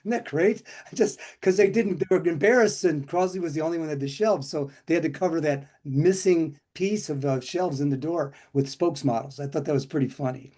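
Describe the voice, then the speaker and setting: A man's voice: fairly high pitch, fairly quick, hardly any pauses, mellow. An older man co-hosting a casual chat, telling stories in a rambling way with many restarts and fillers. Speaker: co-host.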